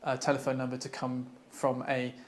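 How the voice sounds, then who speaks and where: A man from cyber security, chatting casually and telling stories in an animated way with bursts of laughter. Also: medium pitch, normal speed. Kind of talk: casual discussion.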